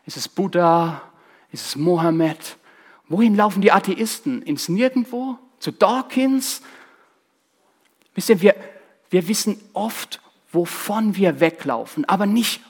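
Guy preaching, kinda high husky voice, hammers the same lines again and again, talks right at you. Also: lively intonation, slow, pauses often, a little mellow. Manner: emphatic, repeats key phrases, addresses listeners directly. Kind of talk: sermon.

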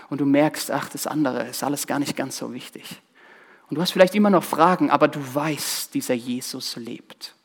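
Husky-voiced preacher, emphatic. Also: male voice, sits high. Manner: emphatic, repeats key phrases, addresses listeners directly. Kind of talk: sermon.

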